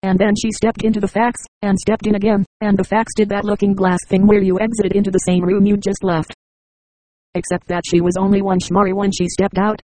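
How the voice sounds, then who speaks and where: Brief: steady audiobook narrator, flat and dry. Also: medium pitch, dry recording, low-quality recording. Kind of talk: scripted narration.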